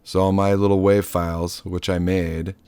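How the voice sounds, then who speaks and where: A man's voice: low voice, flat delivery, normal speed, darkish tone, smooth. A man giving a loose, chatty hands-on synth tutorial, cracking offhand jokes and the odd swear word. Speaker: synth module demonstrator.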